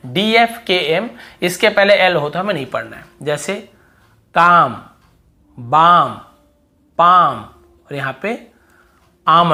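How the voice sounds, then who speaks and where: A man's voice: sits high, sharp tone. A man teaching English pronunciation, repeating example words and answering his own questions. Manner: repetitive, drills words aloud, asks and answers own questions. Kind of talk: spoken English lesson on silent letters.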